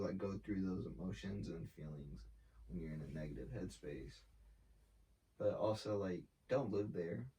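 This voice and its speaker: Heard from a distance off the mic, a young artist and brand founder talks in a lowish, mellow voice. His interview manner is casual, slangy and laid-back, packed with fillers and swearing.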